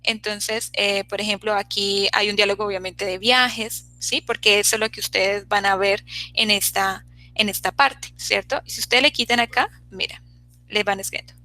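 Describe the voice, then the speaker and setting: A woman's voice: mid-range voice, fairly even intonation, moderate pace, pushed and bright, rough recording. A woman teaching an online English class, checking in constantly with her students as she explains.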